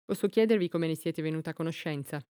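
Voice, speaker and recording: A woman's voice: sits low, quick pace, warm tone, smooth, dry recording, clean studio sound, natural voice. A woman voicing an officious male village policeman in an audiobook, speaking in a formal, official tone.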